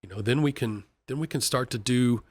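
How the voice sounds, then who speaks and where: An executive vice president from Kentucky, USA speaks casually and earnestly in a podcast interview, frequently restarting and repeating words. His medium-pitched voice moves fairly quickly, recorded dry on a studio podcast mic.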